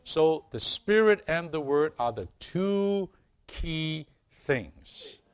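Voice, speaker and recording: A man preaching a sermon to a congregation, earnest and unhurried, growing emphatic as he reads and explains scripture. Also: on the high side, expressive, clean tone, no echo. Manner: slow, earnest, calls for amens, rising to emphatic preaching.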